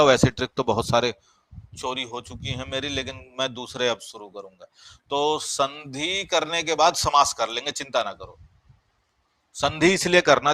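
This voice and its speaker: A man's voice: medium pitch, bright, forceful tone, dry recording. A man teaching a grammar class, explaining step by step, repeating key words and asking the class questions. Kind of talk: live online grammar class.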